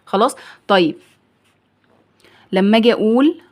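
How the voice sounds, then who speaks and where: A woman's voice: mid-range voice, moderate pace, darkish tone. A woman with an Egyptian accent, a primary school teacher, gives a grammar lesson for young children. She asks questions and then answers them in the pupil's voice. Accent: Egyptian Arabic. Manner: asks and answers her own questions, acting out the pupil's replies.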